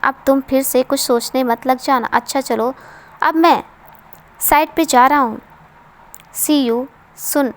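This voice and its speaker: Brief: a woman voicing a playful, teasing young man, high bright voice. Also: steady tone, slow, pauses often. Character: cheerful teasing young man, family friend.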